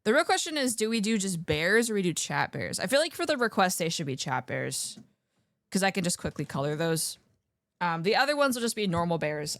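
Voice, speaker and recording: A woman hosting a casual livestream in a playful gamer-girl manner. Her voice is smooth and clear at a middling pitch, recorded close and dry. She hops between thoughts in slangy, scatterbrained chat with her viewers. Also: fairly bright tone, dry recording. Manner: scatterbrained, self-interrupting. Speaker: livestreamer hosting an art stream.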